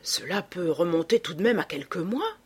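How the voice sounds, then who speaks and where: A woman voicing a fussy, pedantic older male scholar in a storybook reading, measured and explanatory. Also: fairly low pitch, animated, slightly rough. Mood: reasoning.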